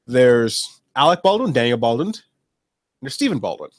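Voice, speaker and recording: A man co-hosting a casual podcast chat, joking in a lively way. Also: medium pitch, moderate pace, no room sound, clean studio sound. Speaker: podcast co-host.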